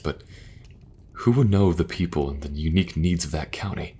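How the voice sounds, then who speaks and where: Young king, kind and burdened; soft-spoken, halting, very low voice; male actor. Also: breathy edge. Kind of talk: fantasy audio roleplay.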